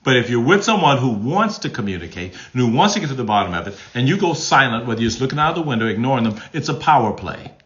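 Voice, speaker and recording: A pastor teaches relationship advice live to his viewers, answering their comments and acting out tones of voice as examples. He's animated and keeps checking in with "okay?", speaking fast in a medium-pitched voice with hardly any pauses, on lo-fi audio.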